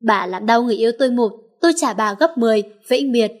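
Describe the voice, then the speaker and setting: A woman voicing a young heroine who is cold and deadly with enemies but soft and pleading with her lover. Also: a little high, animated, fast talker.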